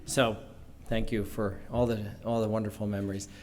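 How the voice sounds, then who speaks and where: A man's voice: fairly low pitch, flat delivery, moderate pace, a little mellow, slight background noise. A man speaking at a school graduation, introducing the next speaker and telling an informal story with quoted dialogue. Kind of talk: ceremony speech with anecdote. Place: event hall.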